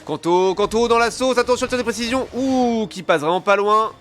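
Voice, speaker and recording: A male esports caster with a notably high voice calls a match live. His play-by-play is colloquial and full of gamer slang, with faint music playing behind him. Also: brisk, a bit bright.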